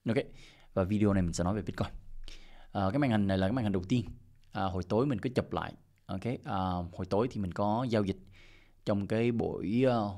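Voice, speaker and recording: A man's voice: fairly low pitch, quick pace, mellow. A middle-aged man hosting a crypto channel, walking through his screen in loose, casual commentary, with lots of "ok" fillers and restarts. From Vietnam. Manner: loose and repetitive, peppered with "ok" and "à" fillers.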